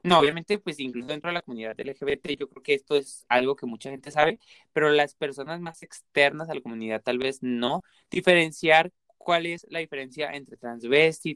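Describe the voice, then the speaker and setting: Earnest Mexican man, smooth higher voice. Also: a bit bright, no room sound, clean studio sound. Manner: earnest, explains at length with many examples. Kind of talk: casual chat.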